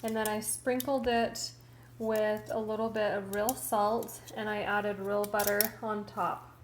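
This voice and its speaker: A woman narrating a casual cooking vlog in her home kitchen, calmly describing each step as she plates dinner. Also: medium pitch, echoey room, a little hiss or hum. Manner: slow, homely commentary while plating food.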